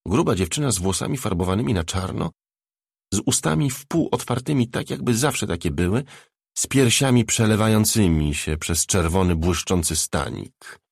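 A man reading a novel aloud as an audiobook narrator, in a measured, even storytelling delivery. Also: mid-range voice, vocal fry, husky, no echo, clean studio sound.

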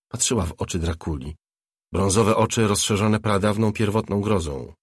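Low husky male audiobook narrator. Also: no echo, clean studio sound. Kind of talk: scripted narration.

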